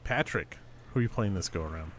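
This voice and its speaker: A man's voice: sits low, animated, fast, a bit bright, a little hiss or hum. A man hosting a tabletop game as game master, casually narrating and introducing characters.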